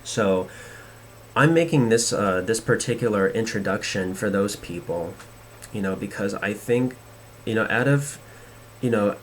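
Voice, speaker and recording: Rambling low-voiced man. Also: a little slow, slight background noise. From United States. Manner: rambling, with frequent restarts and fillers. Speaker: podcast host. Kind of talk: casual podcast monologue.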